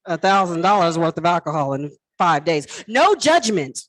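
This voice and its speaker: A woman's voice: lowish voice, big pitch swings, normal speed, no room sound. A woman auctioneer hosting a live auction, repeating bid prompts and selling in a chatty, playful way. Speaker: auctioneer and host.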